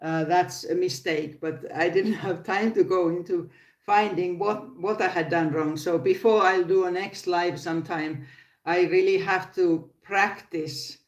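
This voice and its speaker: An older Finnish woman with a Finnish accent hosts a casual live crochet stream from her phone, often restarting sentences and laughing. Her lowish voice is unhurried with fairly even intonation, in an echoey room.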